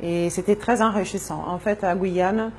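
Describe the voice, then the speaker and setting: A woman's voice: mid-range voice, fairly even intonation, moderate pace, a little hiss or hum. A woman from Brazil, a native Portuguese speaker, interviewed on radio as a Zumba and wellness coach, talking thoughtfully and repeating words as she searches for them.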